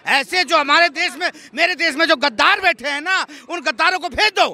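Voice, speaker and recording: A man's voice: very high-pitched, a little fast, sharp tone. A man arguing heatedly as a street interviewee, insisting on being heard and repeating his points. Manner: insistent, repeats himself, talks over others.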